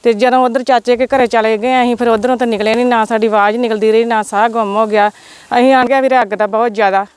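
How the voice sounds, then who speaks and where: A young village woman with a Punjabi accent from the Majha region pours out her account, distressed and circling back over the same points. Her voice is high and smooth, recorded dry and close. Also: fairly even intonation, fast, no echo. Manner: distressed, repeats herself, addresses interviewer as brother. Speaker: fire victim interviewed. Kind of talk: emotional testimony. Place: outdoors in a village.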